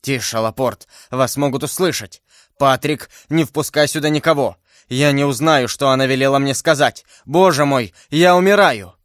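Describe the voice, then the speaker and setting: A man voicing a haughty, proud English duke in an audiobook reading, indignant with shouting outbursts. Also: mid-range voice, fairly even intonation, normal speed, no echo, studio quality, lightly acted. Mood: wounded. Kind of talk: audiobook character voice.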